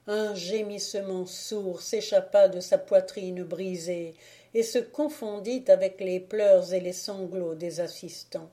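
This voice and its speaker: A woman reading a classic novel aloud as an audiobook, in a measured, dramatic way. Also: on the low side, dark tone. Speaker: audiobook reader. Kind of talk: scripted audiobook narration.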